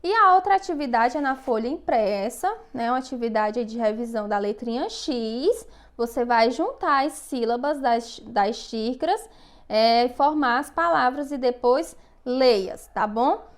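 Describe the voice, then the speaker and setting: A Brazilian Portuguese-accented woman with a high voice talks young pupils through their worksheets in a recorded lesson. She dictates words slowly and patiently and keeps checking that the children are following. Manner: patient, slow dictation with frequent "tá bom?" checks. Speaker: first-grade teacher. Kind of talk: recorded remote class instructions.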